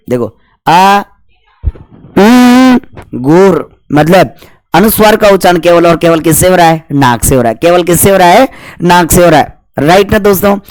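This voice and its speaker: Male grammar teacher, slightly high voice, dry close recording; self-answering exam-prep drill style. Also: dry recording. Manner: asks questions and answers them himself; stretches out syllables to demonstrate pronunciation.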